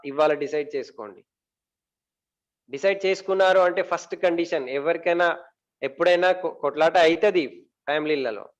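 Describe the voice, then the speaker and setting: A man giving a talk about marriage to an audience. He asks questions and answers them himself, pausing often with fillers and repeating words. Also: on the high side, rough recording.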